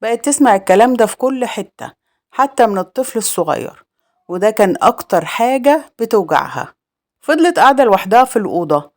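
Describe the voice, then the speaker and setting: A woman with an Egyptian accent narrating a dramatic village crime story in a steady, grave manner. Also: mid-range voice.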